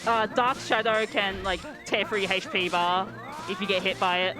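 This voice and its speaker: A woman with an Australian accent chats casually after finishing a speedrun, hesitant and filling her speech with "um" and "like." Her voice is mid-range and steady at a normal pace, with music playing behind her.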